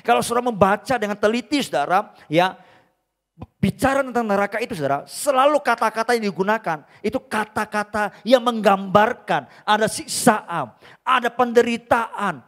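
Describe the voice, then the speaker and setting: Repeatedly calling the congregation his brothers and sisters, this pastor delivers a forceful church sermon that alternates between loud outbursts and hushed asides. His voice sits high and expressive at a normal speed.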